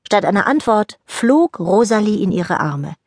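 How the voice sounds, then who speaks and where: A woman narrating a children's audiobook in a lively storytelling manner, close to the mic. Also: mid-range voice, a little slow, no echo. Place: dry recording booth. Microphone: close studio mic.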